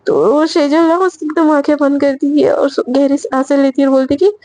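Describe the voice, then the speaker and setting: A woman's voice: high-pitched, fairly even intonation, normal speed, warm tone. A woman casually narrating a romantic story in a chatty way, slipping into each character's lines.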